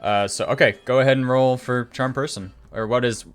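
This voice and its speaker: A man's voice: medium pitch, steady tone, fairly quick, clear, resonant tone, soft background music. A man running a tabletop game as game master, explaining rules patiently and laughing easily.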